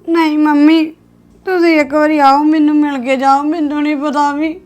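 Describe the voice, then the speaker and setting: A woman's voice: high voice, fairly even intonation, brisk, darkish tone, close to an everyday voice. A young woman with a Punjabi accent acting a tearful, pleading young wife. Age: young adult.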